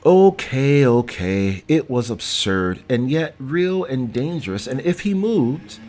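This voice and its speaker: Slow, expressive male audiobook narrator. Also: medium pitch. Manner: measured, voices characters with vernacular dialogue.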